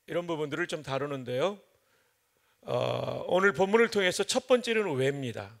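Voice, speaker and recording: A man's voice: fairly high pitch, expressive, a little fast, vocal fry. A man from Chungcheong preaching an early-morning revival sermon in a church, mixing folksy jokes with emphatic teaching. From Chungcheong, Korea. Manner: folksy joking storyteller, then emphatic preaching. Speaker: pastor.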